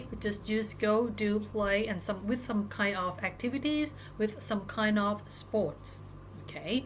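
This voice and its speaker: A Thai woman teaching an online English lesson, speaking English slowly and carefully between quick, chatty explanations. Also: mid-range voice, fairly bright tone, a little hiss or hum.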